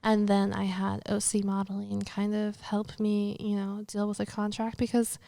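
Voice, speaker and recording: A woman's voice: mid-range voice, monotone, normal speed, gravelly, dark tone, no echo. A woman who is a guest on a casual interview podcast, chatty and profane, and she laughs easily.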